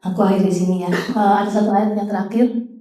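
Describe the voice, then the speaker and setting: A woman's voice: medium pitch, flat delivery, quick pace, dark tone, distant mic. A woman preaching a sermon in a church, chatty and informal. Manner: casual, chatty preaching with slangy asides. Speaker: youth speaker. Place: church hall. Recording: echoey church hall.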